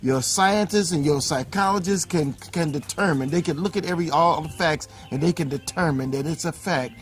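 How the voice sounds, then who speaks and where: A man's voice: fairly high pitch, normal speed, faint music behind. A man in casual conversation who talks emphatically and backs up his partner. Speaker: co-host.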